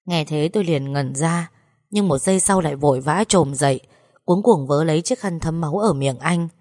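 A woman reading a first-person story aloud with steady emotional narration. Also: sits low, normal speed, no room sound, clean studio sound. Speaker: audiobook narrator.

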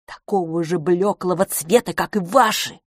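A brash, self-assured salon owner, as a woman reads her in an audiobook, bragging brisk and emphatic. The voice sits fairly low, a little husky, in a dry close sound. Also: no room sound, natural voice. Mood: boastful. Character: brash, confident London beauty salon owner.

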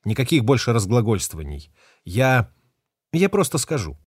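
A man's voice: mid-range voice, sing-song, normal speed, breathy edge, no room sound, clean studio sound. A man voicing a fierce, defiant young woman ship captain who talks sharply and curses. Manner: sharp, cursing, hissing. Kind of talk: audiobook character voice.

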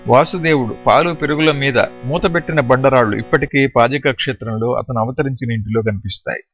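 A man narrating a storybook in a steady, explanatory storytelling manner. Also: mid-range voice, brisk, highs cut off, soft background music. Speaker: audiobook narrator. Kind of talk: scripted narration.

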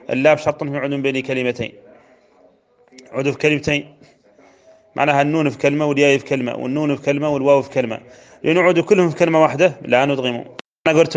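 Rapid-talking sheikh teaching. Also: male voice, fairly high pitch. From Mauritania. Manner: recites verse lines slowly, then explains them rapidly. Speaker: teacher of Quran recitation rules. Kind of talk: explanatory religious lesson. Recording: dull lo-fi recording.

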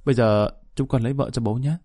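A man's voice: medium pitch, fairly even intonation, fast, dark tone, no room sound, clean studio sound, soft background music, close to an everyday voice. A man voicing a grown daughter who coaxes and presses her father insistently. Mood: coaxing. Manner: coaxing, insistent. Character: grown daughter, persistent and coaxing.

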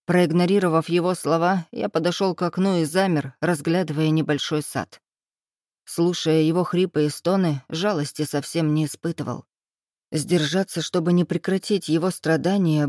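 Restrained first-person audiobook narrator, even mid voice, no room sound. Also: mid-range voice, no echo, studio quality.

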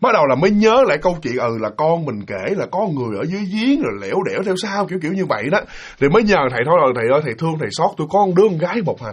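A man telling a ghost story in casual spoken narration, animated and acting out the quoted voices. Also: fairly high pitch, husky. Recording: dull lo-fi recording.

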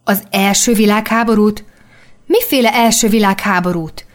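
A woman's voice: mid-range voice, expressive, close to an everyday voice. A woman doing an eager, wide-eyed young boy. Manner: eager, pressing questions. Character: curious, excitable young boy from long ago.

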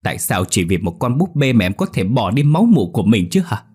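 A man reading a story aloud, voicing an angry betrayed young husband who accuses and shouts, in a husky low voice. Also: sing-song, fairly quick, full character voice. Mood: furious.

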